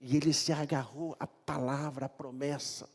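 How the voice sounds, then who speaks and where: In a church sanctuary, a pastor with a Brazilian Portuguese accent preaches, reading scripture loudly before retelling the story in a casual, joking way. His voice is medium-pitched with fairly even intonation and a moderate pace, and the recording carries long church reverb.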